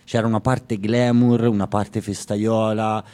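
A man co-hosting a music radio show, talking casually with many pauses and fillers. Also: fairly low pitch, level tone, warm tone. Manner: hesitant, many fillers, storytelling. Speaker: radio co-host.

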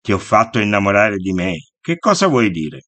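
A man voicing a grave, reserved male activist who speaks quietly and sternly in an audiobook. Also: fairly low pitch, sing-song, normal speed, no echo. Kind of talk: audiobook character voice.

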